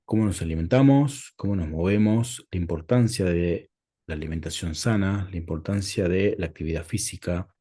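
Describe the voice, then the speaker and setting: A low-pitched man with a Rioplatense accent hosts a sit-down interview. His voice is mellow and a little husky. He asks his questions at a measured pace. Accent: Rioplatense Spanish. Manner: measured, introduces topics in lists. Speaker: interviewer host.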